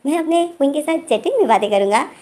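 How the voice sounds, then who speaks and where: A woman's voice: sits high, animated, fast talker, voice pushed up. A woman voicing an affectionate young man who reassures and teases his boyfriend in a retold romance story. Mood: teasing. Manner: gently reassuring, teasing.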